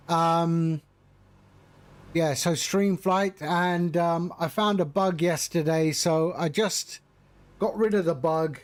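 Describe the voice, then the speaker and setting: A man giving casual, chatty live commentary as a flight sim streamer. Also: high-pitched. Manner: chatty, greets viewers while narrating flying.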